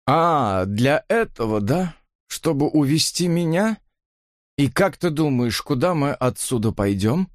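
A man's voice: a little high, animated, unhurried, dry recording, clean studio sound, voice pushed up. A man doing a sullen drunken clergyman. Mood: sullen slurring. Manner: slurred, sullen, whining. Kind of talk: audiobook reading.

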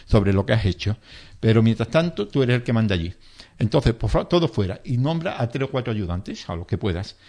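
A man's voice: medium pitch, very animated, brisk, warm tone. Male instructor type, emphatic and repetitive, explains first aid plainly. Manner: emphatic, repetitive, acts out panicked bystanders in quotes. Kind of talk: explanatory interview talk.

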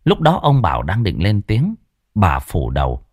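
A man narrating a ghost story in an animated storytelling manner. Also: low-pitched, unhurried, husky, no echo, clean studio sound.

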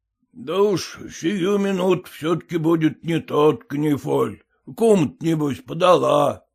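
A man's voice: on the high side, unhurried, gravelly, a little mellow, slightly rough, voice pushed down, heavily acted. A man voicing a grumpy old father-in-law who grumbles and demands his own pancakes. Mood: grumbling.

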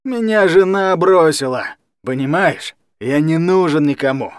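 Male reader voicing a drunken loutish guardian in a storybook, slurred and mumbling, pitched up, loud and slow. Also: lively intonation, clean tone, dry recording, studio quality. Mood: drunk, self-pitying. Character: drunk middle-aged male guardian, boorish and aggressive.

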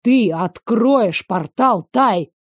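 A woman voicing a cruel, obsessed young man who slowly growls out his threats in an audiobook. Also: mid-range voice, warm tone, no echo, clean studio sound, natural voice. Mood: furious.

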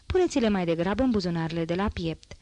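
A woman voicing a stern male police inspector who gives quick, firm orders, in an audiobook reading. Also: on the low side, expressive, warm tone, no echo, close to an everyday voice. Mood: brisk.

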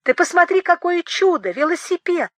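A wildly excited man, his voice bleating and high, exclaiming in breathless bursts, as a woman reads him out. The tone is bright and forceful, recorded dry and close. He sounds like a grown man turned into a child by joy. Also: takes it slowly, dry recording, exaggerated voice. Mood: ecstatic.

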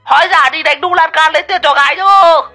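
A man's voice: extremely high pitch, a little fast, sharp tone, soft background music, voice pushed up, full character voice. A man voicing a foul-mouthed pet parrot that screeches curses over and over, in a comic audio story. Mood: shrieking.

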